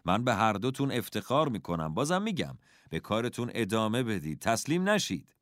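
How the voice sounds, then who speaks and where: A man voicing a calm, kindly father who is a schoolteacher, speaking gently and encouragingly in a storybook reading. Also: on the low side, dry recording, studio quality, pitched above the performer's own voice. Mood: gentle encouraging.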